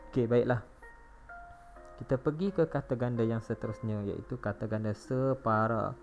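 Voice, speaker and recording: Gravelly Malaysian Malay schoolteacher. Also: male voice, medium pitch, darkish tone. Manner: patient, spells words letter by letter. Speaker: primary school teacher. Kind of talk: recorded classroom lesson. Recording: dull lo-fi recording with faint music.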